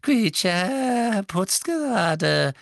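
A man voicing a bitter old male house-elf servant who mutters insults under his breath in a high, thin voice. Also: very animated, extremely slow, gravelly, no room sound, studio quality, heavily acted. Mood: servile scorn. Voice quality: muttering, wheedling, high and far-off. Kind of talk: audiobook character voice.

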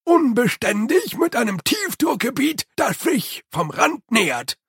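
A man voicing a grumbling, hunched male manservant who speaks in loud, emphatic bursts. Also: very high voice, very animated, a little slow, breathy edge, no echo, studio quality, pitched above the performer's own voice, exaggerated voice. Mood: gruff.

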